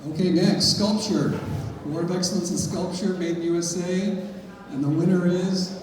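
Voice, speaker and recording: A man's voice: high voice, fairly even intonation, moderate pace. A man hosting an awards ceremony at an art gallery, announcing categories and calling out to winners in the room. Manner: upbeat, calls out to winners in the room. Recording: echoey hall, distant mic, loud crowd.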